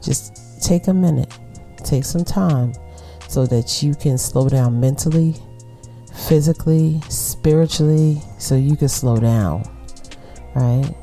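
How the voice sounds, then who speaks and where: A middle-aged woman with a Brooklyn accent hosting a casual solo podcast, talking to women listeners in a laid-back, unhurried, conversational way. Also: sits low, mellow, soft background music. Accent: Brooklyn, New York. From Brooklyn, New York. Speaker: podcast host.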